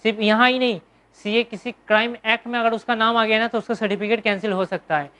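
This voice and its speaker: A woman's voice: on the high side, steady tone, fast talker, fairly bright tone. A woman with an Indian accent teaching a commerce class, asking questions and answering them herself and repeating key terms. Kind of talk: classroom lecture.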